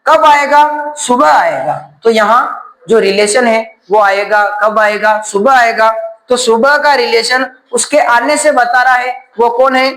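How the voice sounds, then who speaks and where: A man's voice: very high voice, measured pace, a bit bright, roomy sound, poor audio. A man teaching a grammar class, asking questions and then answering them himself.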